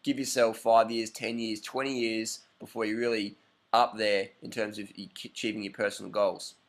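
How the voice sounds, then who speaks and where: A man in his thirties giving blunt, animated advice in a casual to-camera monologue, full of rhetorical questions. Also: on the low side, normal speed. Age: 30s. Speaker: vlogger. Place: lives in Bangkok.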